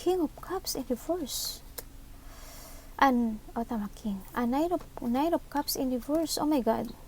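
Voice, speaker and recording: A woman's voice: sits high, animated, measured pace, a little mellow, slight background noise. A woman with a Filipino accent doing a live tarot reading, thinking aloud into her microphone, mixing English into Tagalog and often seeking agreement. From Philippines. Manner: thinks aloud, mixes English into Tagalog, asks for agreement with short tag questions. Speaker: tarot reader. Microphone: own microphone.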